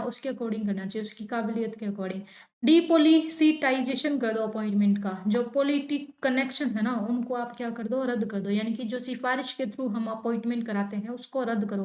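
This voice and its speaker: A young woman teaching exam questions, stressing key words with a tone that rises and falls. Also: fairly high pitch. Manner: expressive, stresses words with rising and falling tone. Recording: echoey room.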